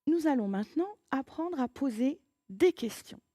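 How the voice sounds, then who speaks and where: A woman teacher giving a recorded grammar lesson to children, patient and encouraging, reading example sentences with lively emphasis. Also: sits high, normal speed, no room sound, clean studio sound.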